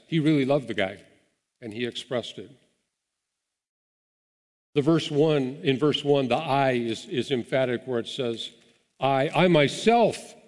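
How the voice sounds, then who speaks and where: A man's voice: medium pitch, darkish tone. A man preaching a sermon as pastor, earnest and encouraging, with small restarts as he talks. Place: church sanctuary. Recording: long hall reverb.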